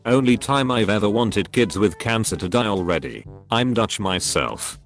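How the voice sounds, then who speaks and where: A man with a fairly low voice reads online posts aloud as a narrator, keeping a steady, even pace from one post to the next. Soft music plays quietly underneath him.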